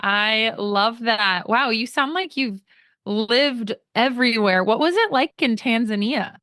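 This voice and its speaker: A woman's voice: on the high side, unhurried, fairly bright tone, dry recording. Upbeat woman podcast host, dry sound. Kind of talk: podcast interview.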